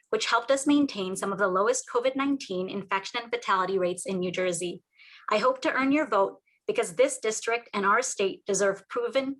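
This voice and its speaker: A woman running for office, giving a polished, steady, prepared opening statement. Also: mid-range voice, poor audio. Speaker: political candidate.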